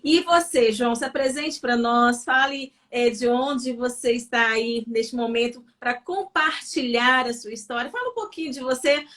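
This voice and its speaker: A woman hosts a live online interview over a video call. Her voice sits a little high, and her delivery is effusive, full of faith-filled phrasing. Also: normal speed, few pauses, fairly bright tone. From Espírito Santo, Brazil. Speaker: host.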